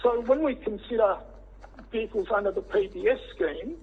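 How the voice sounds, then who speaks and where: An Australian man with a croaky, froggy, hoarse voice gives measured, halting formal testimony over a teleconference line. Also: high-pitched. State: hoarse after throat surgery. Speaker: witness, director of a tyre safety body. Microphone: phone or teleconference line. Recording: tinny, band-limited teleconference line.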